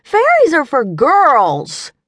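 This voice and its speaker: A woman's voice: wildly swooping pitch, slow, fairly bright tone, dry recording, studio quality, heavily acted. A woman voicing a cross six-year-old boy who is playing a snarling dragon in an audiobook. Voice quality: snarling, high childish.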